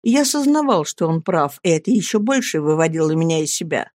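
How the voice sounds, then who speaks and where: A man's voice: on the high side, very animated, brisk, darkish tone, dry recording. Man reading a novel aloud, dry and close. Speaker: audiobook narrator. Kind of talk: first-person novel reading.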